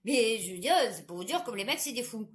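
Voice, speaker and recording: A woman's voice: a little high, lively intonation, brisk. A woman, telling a personal story to the camera in a blunt, crude, chatty way, breaking into laughter often.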